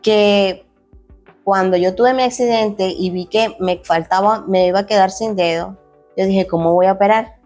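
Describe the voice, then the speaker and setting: A young woman's medium-pitched voice stays steady and slightly mellow at a moderate pace, over faint background music. In an interview, this ex-athlete turned fitness coach earnestly tells her story, frequently restarting phrases and dramatizing quoted lines as she shares something emotional and personal.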